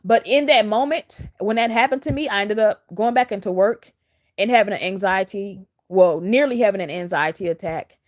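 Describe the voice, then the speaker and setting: A woman's voice: medium pitch, normal speed. A woman talking straight to her viewers in a rambling, earnest and encouraging way, as a spiritual coach. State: close to tears. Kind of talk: casual heartfelt monologue to camera.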